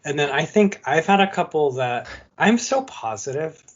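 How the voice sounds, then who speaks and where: A man with a husky, mid-pitched voice chats easily with his co-host and laughs often. The recording sounds dull and lo-fi. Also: expressive, normal speed. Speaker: podcast co-host. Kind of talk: casual chat.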